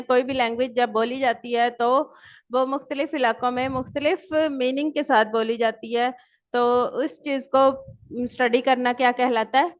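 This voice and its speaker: A woman lecturing with a high voice, who keeps posing questions to the class and then answering them herself. She reads each definition at an unhurried pace. The recording sounds dull and lo-fi. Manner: switches between English and Urdu; reads English definitions slowly. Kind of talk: online lecture.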